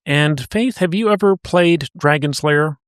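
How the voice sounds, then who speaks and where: A man's voice: a little high, measured pace, no echo, clean studio sound. A man co-hosting a podcast, recapping and chatting in a conversational storytelling way. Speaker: podcast co-host. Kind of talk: casual podcast chat.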